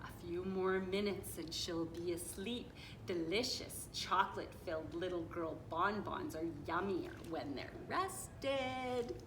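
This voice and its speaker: A woman voicing hungry, gloating storybook dinosaurs who scheme over a trap, with drawn-out, relishing speech. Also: on the low side, reverberant, noisy background.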